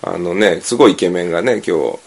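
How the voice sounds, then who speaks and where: A man's voice: sits low, fast, creaky, slightly rough. A man with a Kansai Japanese accent hosting a casual late-night podcast, rambling and a little drunk. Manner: tipsy, rambling. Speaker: podcast host.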